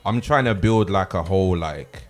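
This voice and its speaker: A man's voice: low-pitched, moderate pace, faint music behind. A man chatting casually as a rapper in an interview, full of street slang and repeated words.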